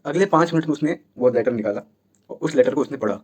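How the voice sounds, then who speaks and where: A young man casually retelling a school story from his childhood, chatty and animated, voicing the people in it as he goes. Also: mid-range voice, quick pace.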